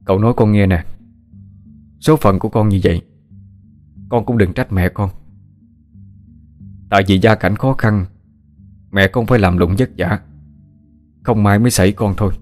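A man voicing a gentle, fatherly male spirit who speaks in a soothing, coaxing way. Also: lowish voice, normal speed, long pauses, faint music behind, lightly acted.

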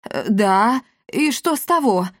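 A pompous old village elder in a storybook tale, quick to take offence and full of wounded whining, as a woman narrator puts him on. His complaints come out clipped and dry, close to the mic. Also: mid-range voice, darkish tone, dry recording, natural voice. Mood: indignant. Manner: indignant, whining, aggrieved.

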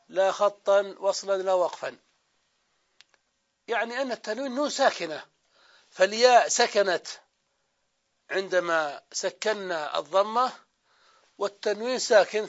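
A man with a Saudi accent teaching a grammar lesson, who asks his own questions, answers them, and drawls out the example words slowly. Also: high-pitched, highs cut off. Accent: Saudi Arabian.

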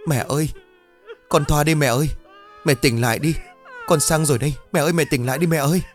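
A man's voice: a little high, fast, soft background music, voice pushed up, close to an everyday voice. A man voicing a grieving woman sobbing and pleading over her dead mother in a told ghost story. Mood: wailing.

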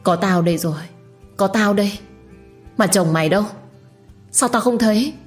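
A woman's voice: mid-range voice, moderate pace, soft background music, voice pushed up, close to an everyday voice. A woman voicing a worried young best friend who speaks urgently over the phone and at a hospital bedside in a read-aloud story. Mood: comforting. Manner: urgent and anxious.

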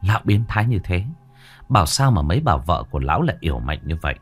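A man narrating a ghost story in a dramatic, expressive way. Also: sits low, fast talker, breathy edge, faint music behind.

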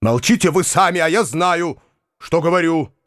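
A man's voice: medium pitch, expressive, moderate pace, no echo, studio quality, close to an everyday voice. A man doing a flustered, stammering kindly uncle. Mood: earnest. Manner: stammering, hesitant. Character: kindly flustered middle-aged male uncle.

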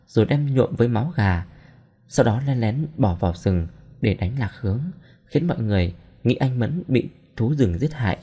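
A man narrating a story in a steady, somber reading voice. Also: medium pitch, husky. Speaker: audiobook narrator.

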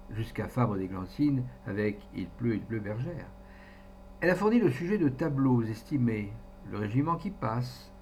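A man giving an expressive literary reading as an audiobook narrator, acting out voices along the way. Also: fairly low pitch, creaky. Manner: animated, acts out the quoted voices. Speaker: audiobook reader. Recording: dull recording with faint hum.

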